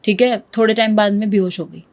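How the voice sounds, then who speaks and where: A woman's voice: mid-range voice, fairly even intonation, quick pace. Woman guest telling a haunted story, vivid, drops english words in her hindi. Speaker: podcast guest. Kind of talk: telling a true ghost story in an interview.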